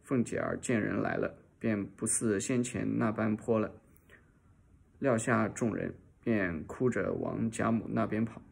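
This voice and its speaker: Gravelly, low-voiced male audiobook reader. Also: a little slow. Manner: steady reading with occasional restarts. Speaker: narrator. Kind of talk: reading a classic novel aloud.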